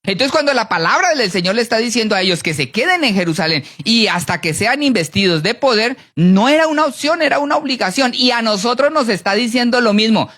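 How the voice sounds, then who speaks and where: A preacher giving a sermon, animated, often asking the congregation to answer yes or no. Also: a little fast, few pauses. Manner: animated, with big swings in pitch and pace.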